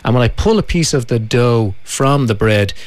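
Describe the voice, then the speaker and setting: A man's voice: mid-range voice, expressive, normal speed, no room sound. Male radio host, chatty and enthusiastic, easygoing studio chat. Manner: chatty, enthusiastic, tasting food on air.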